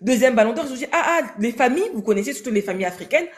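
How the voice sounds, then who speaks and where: A young woman tells her story in a relaxed interview, full of street slang and quick asides. Her pitch sits a little high and swings widely as she goes, and she slips into voices when she quotes people. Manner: animated, slangy, acts out dialogue in quoted voices.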